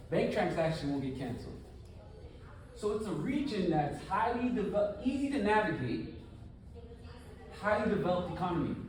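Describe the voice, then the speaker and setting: Male speaker, conference talk, lively and chatty, fairly high voice, heard from a distance in a reverberant hall. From United States. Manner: animated, conversational, rhetorical questions. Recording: echoey room, from far off.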